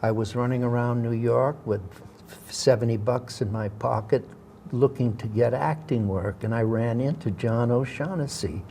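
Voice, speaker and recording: An older man recalls his acting career for an interviewer. He stumbles and restarts as he goes, and he speaks at a middling pitch. A faint hiss of room noise sits behind him. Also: normal speed, vocal fry, dark tone. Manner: hesitant, rambling with fillers and restarts. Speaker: interview guest, veteran actor. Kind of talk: anecdotal interview storytelling.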